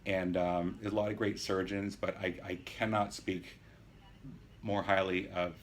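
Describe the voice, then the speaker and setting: Casting: man, early 50s, low register, earnest patient vlogger, measured and halting delivery, faint background noise. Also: level tone. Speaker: patient sharing his surgery experience. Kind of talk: casual video diary, explanatory. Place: private hospital room.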